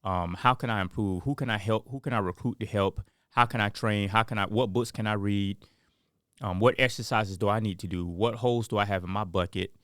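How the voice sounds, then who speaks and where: A man's voice: lowish voice, steady tone, a little fast, clear, resonant tone, dry recording, studio quality. A man co-hosting a podcast in casual chat, rambling and filling his talk with "like" and "um". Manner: rambling, heavy on fillers like "like" and "um". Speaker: podcast co-host.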